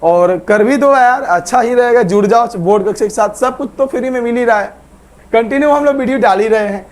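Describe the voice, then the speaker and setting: A man's voice: very high voice, a little fast. A man teaching an online exam-prep history lesson, who keeps asking questions and answering them himself. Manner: asks viewers to like and subscribe.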